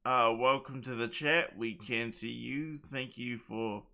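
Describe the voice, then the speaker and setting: A man's voice: mid-range voice, slow pace, vocal fry, pushed and bright. A man co-hosting a livestream, chatting casually in an earnest, emphatic way. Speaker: livestream co-host.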